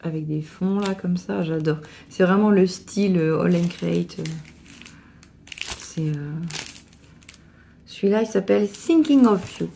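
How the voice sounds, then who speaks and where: Woman, gushing crafting vlogger, low gravelly voice, faint noise behind, casual unboxing chat. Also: a little slow, pauses often. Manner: excited, gushing, stumbling restarts.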